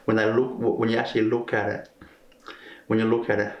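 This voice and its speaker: A man from Vietnam who answers interview questions haltingly, searching for his words. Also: on the low side, level tone. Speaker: crystal healer being interviewed. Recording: roomy echo.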